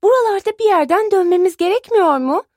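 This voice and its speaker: A woman's voice: expressive, brisk, a little mellow, no echo. A woman doing a fretful little schoolgirl. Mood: worried. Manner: high, fretful, close to tears. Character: anxious young schoolgirl on a bike ride.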